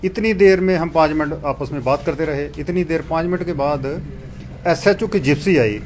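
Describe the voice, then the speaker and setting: A man giving a measured, step-by-step account in an interview. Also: fairly high pitch, darkish tone, slight background noise.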